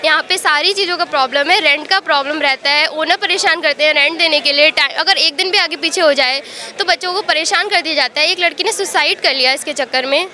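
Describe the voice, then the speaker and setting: A woman's voice: high voice, brisk, hardly any pauses, pushed and bright. A young woman from Uttar Pradesh, a student at a protest, talking earnestly in a street interview into a reporter's handheld mic outdoors. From Uttar Pradesh, India. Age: young adult. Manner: earnest, mixes English words into Hindi. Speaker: civil service exam student at a protest.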